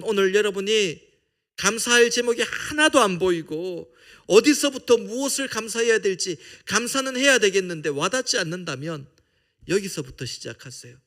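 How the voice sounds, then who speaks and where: Male pastor, high gravelly voice, passionate sermon with soft whispered asides. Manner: impassioned preaching, swinging between loud appeals and hushed whispers. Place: church sanctuary.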